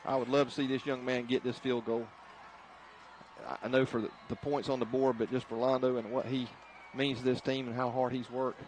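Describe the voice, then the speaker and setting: A man's voice: medium pitch, little pitch movement, fairly quick, darkish tone, slight background noise, poor audio. A man with a Southern US accent giving chatty, folksy color commentary on a football game for radio. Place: press box at a football stadium.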